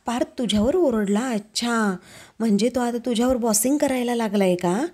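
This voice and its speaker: A quick-tempered middle-aged mother bristles and questions sharply, as a woman voices her while retelling. The voice is fairly high yet mellow. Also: slightly rough. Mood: indignant. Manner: sharp, indignant.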